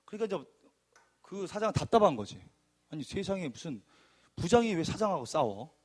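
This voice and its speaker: Man, sermon testimony, emphatic storyteller, husky voice, lively pitch. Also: fairly quick. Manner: animated, emphatic storyteller acting out quarrels. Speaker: preacher giving a testimony.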